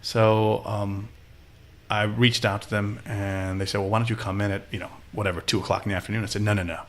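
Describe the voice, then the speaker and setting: Telling stories on a relaxed podcast interview, a man from Austin, Texas speaks briskly in a voice on the low side. He brings his anecdotes to life by acting out whoever he's quoting.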